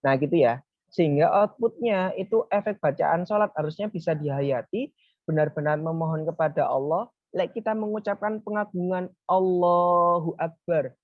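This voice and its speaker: A religious speaker, giving a casual Friday talk and explaining step by step in a relaxed way. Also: mid-range voice, normal speed, no echo. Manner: relaxed, explaining step by step, often saying "nah, itu gitu"; talks to a helper advancing slides. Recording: dull, lo-fi, dry.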